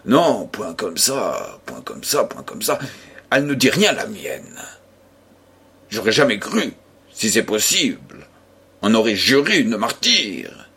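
A man's voice: fairly low pitch, very animated, unhurried, pauses often, bright, forceful tone, breathy edge, heavily acted. A man voicing a puzzled old country postman. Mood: hushed, dismayed. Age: older. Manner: plodding, puzzled countryman's speech. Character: bewildered old rustic male postman.

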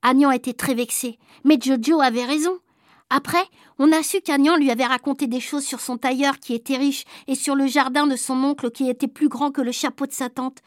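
High-voiced woman reading a children's story. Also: fairly quick, no room sound, studio quality. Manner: lively, childlike first-person telling. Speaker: audiobook reader. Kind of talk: storybook narration.

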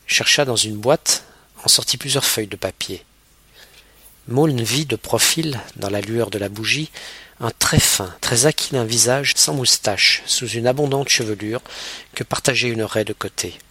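A man narrating a classic novel as an audiobook in a measured, even reading. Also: medium pitch, husky, no echo.

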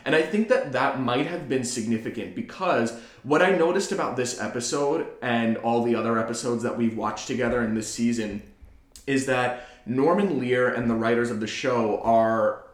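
A man's voice: mid-range voice, normal speed. A young man co-hosting a podcast, chatting casually in a thoughtful, analytical way with dry sarcasm. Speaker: podcast co-host. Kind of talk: casual chat. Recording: echoey room.

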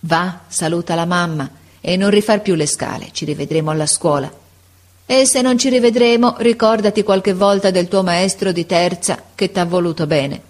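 A woman's voice: fairly low pitch, normal speed, close to an everyday voice. A woman voicing a sick old male schoolteacher who speaks tenderly and with sighs. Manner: tender, sighing, encouraging.

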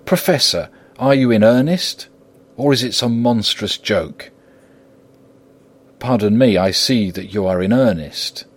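A man reading an audiobook voicing a proud, indignant young gentleman in agitated, pleading outbursts. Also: on the low side, lively intonation, a little slow. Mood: earnest.

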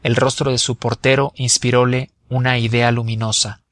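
Male audiobook narrator, measured expressive reading, dry close sound. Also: medium pitch, dry recording. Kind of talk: scripted narration.

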